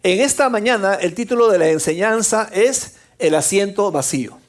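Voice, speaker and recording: Man, pastor giving a sermon, middle-aged, high voice, rhetorical questions. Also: animated. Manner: preaching with rhetorical questions and emphatic pauses.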